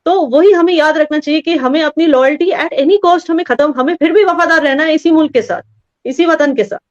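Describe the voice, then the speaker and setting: A woman's voice: high voice, a little fast, dry recording. A woman from Kashmir, a guest who argues her point earnestly and emphatically with homely examples. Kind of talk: earnest conversational argument. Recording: dry, slightly muffled audio.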